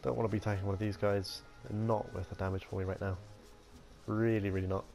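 Gravelly low-voiced gaming commentator, man. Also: little pitch movement, fast talker, a little mellow, soft background music. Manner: chatty, playful, talks to himself while playing. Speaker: gaming video host. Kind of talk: casual let's-play commentary.

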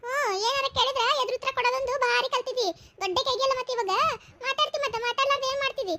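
Woman doing a naggy north karnataka mother-in-law, very high, quick sarcastic digs. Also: steady tone, bright, forceful tone, slight background noise, full character voice. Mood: scolding. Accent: North Karnataka Kannada. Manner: scolding, sarcastic questions. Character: nagging middle-aged village mother-in-law.

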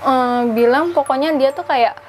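A young woman in her twenties casually retelling a ghost account, halting and searching for words, on a lapel mic in an indoor studio. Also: sits high, soft background music. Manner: halting, searching for words, animated hand gestures. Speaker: storyteller. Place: indoor studio with a draped backdrop.

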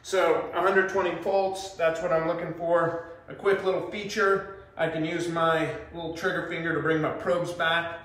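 A man's voice: fairly high pitch, level tone, moderate pace, fairly bright tone. A man in his thirties giving a casual, chatty demonstration of VR trade training, talking loosely with many fillers as he moves around. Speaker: sales presenter demonstrating VR training. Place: small carpeted-floor training room indoors. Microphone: far camera. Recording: echoey room, voice from a distance.

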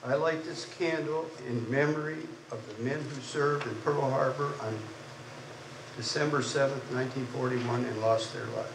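Older man reciting quietly, far off in a hall. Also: medium pitch, noisy background. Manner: slow, quiet, deliberate. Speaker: Navy representative. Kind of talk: solemn ceremonial recitation. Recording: distant voice in echoey hall.

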